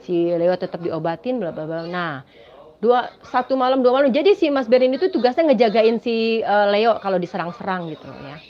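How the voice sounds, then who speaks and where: Speaking at a moderate pace with a mid-range voice and lively intonation, a woman gives a dramatic spoken personal testimony. She frequently calls her listeners "Saudara" as she tells her story. The recording sounds dull and lo-fi.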